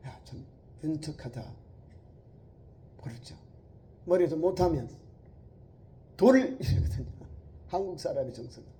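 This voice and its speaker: A man, preaching a sermon as pastor. He moves between loud, emphatic quoted lines and low, quiet asides.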